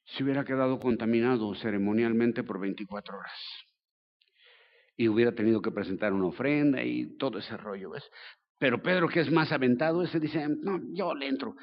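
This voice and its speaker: An older man with a Mexican accent preaching a sermon as pastor, colloquial and joking, telling the story with lively slang. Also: medium pitch, fairly quick, dull audio. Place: church.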